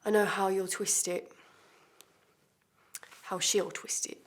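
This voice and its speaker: A woman's voice: medium pitch, level tone, slow pace, lightly acted. Woman playing a blunt, defiant woman. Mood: defensive. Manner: blunt, swearing, hesitant fillers. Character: blunt defiant woman confessing under questioning. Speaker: actor. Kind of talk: self-tape monologue.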